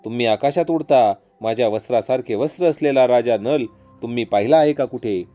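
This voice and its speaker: A grieving young queen calls out in a soft, pleading voice, as a male storyteller puts her on. The tone is dark and mellow, with faint music behind her. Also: medium pitch, brisk, natural voice. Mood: lamenting. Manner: softer, pleading and lamenting. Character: grieving young queen searching forest, woman.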